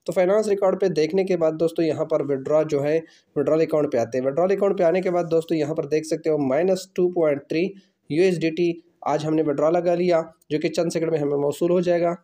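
A man talks the listener through a phone app, one step at a time, as an off-screen voice-over. His voice sits a bit high for a man yet sounds mellow and soft. He keeps coming back to the same filler words between steps. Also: quick pace. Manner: steady step-by-step narration with repeated fillers. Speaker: channel host. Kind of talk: screen-recorded app walkthrough. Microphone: off-screen voice-over over phone screen recording.

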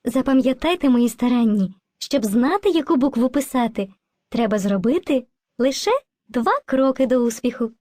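Kids' cartoon: a patient female language spirit, voiced by a woman, high and soft, dry studio sound. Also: animated, normal speed, no room sound, lightly acted. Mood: gentle. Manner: gentle, coaxing, calls children endearments. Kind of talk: educational cartoon video.

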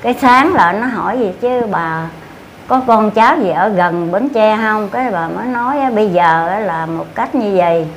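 A woman's voice: mid-range voice, moderate pace, slight background noise. An older woman with a Southern Vietnamese accent, recounting an event in a rambling, repetitive way with many fillers. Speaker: interviewee. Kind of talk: casual storytelling.

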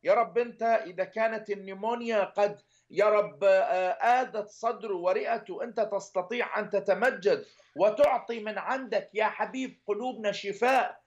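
High-voiced man in earnest prayer. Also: moderate pace, dull audio. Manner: earnest, pleading, repetitive petitions. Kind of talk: intercessory prayer.

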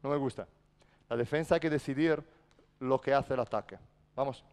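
A man's voice: medium pitch, normal speed, a little mellow, clear, resonant tone. A man coaching a basketball practice in a large indoor gym, barking short commands and then explaining patiently. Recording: echoey gym reverb.

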